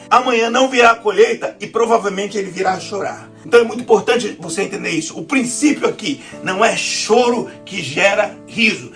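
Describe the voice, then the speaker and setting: A woman's voice: mid-range voice, a bit bright. A woman with a Brazilian accent preaching a sermon, often calling her listeners "querido" and asking for amens. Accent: Brazilian Portuguese.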